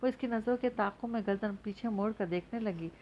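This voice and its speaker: A woman narrating a novel aloud in a steady storytelling voice. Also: mid-range voice, brisk, dull audio, slight background noise. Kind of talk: audiobook novel reading.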